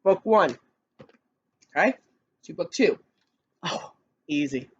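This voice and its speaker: Kindergarten teacher, a woman reading storybooks very slowly, bouncy pitch, slightly dull lo-fi recording. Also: slightly rough. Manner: slow, expressive read-aloud with lively pitch, chatty asides. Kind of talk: reading picture books aloud to children.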